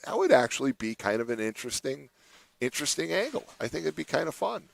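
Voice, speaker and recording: A chatty morning radio host jokes around with his co-host in the studio, laughing frequently and putting on playful mock voices. He speaks at a quick pace, very animated, in a slightly high voice with vocal fry, on a dry recording.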